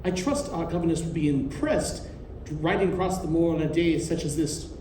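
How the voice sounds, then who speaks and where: A man's voice: a little high, moderate pace, natural voice. A man playing a formal, controlling doctor and guardian in a stage play, genteel and authoritative. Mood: courteous. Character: genteel, controlling doctor, uncle to orphan girl. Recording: distant, roomy stage recording, faint noise.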